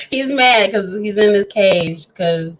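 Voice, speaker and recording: A woman's voice: medium pitch, lively intonation, slow, noisy background. Chatty woman eating while she talks. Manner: enthusiastic, chatty, talks to viewers as friends. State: eating, talking with mouth full. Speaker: cooking show host. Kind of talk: casual live cooking show chat.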